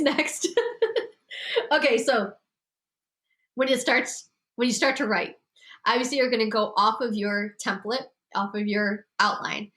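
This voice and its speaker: Her voice is mid-range and fairly bright, thick with congestion, as this podcast host and writing coach offers a group casual but emphatic tips on writing. Laughter breaks in often.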